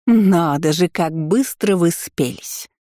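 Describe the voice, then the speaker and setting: Lady putting on a nasty hissing spider spirit lady, storybook villain, mellow dry voice. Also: lowish voice, very animated, measured pace, dry recording, heavily acted. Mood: venomous. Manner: hissing, venomous. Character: spiteful scheming female spider spirit.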